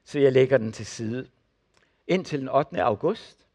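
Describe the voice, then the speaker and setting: Older man telling lively sermon stories. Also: mid-range voice. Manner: animated storyteller acting out the people in his stories. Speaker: preacher and former missionary. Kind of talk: sermon testimony.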